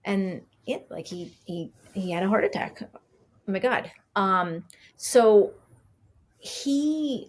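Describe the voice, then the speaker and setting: A middle-aged woman talking as a guest on a podcast, her voice sitting at an ordinary pitch for a woman. She tells her story in a lively, conversational way and acts out what people said to her. She uses plenty of fillers and restarts along the way. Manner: chatty, animated storyteller who acts out quoted dialogue.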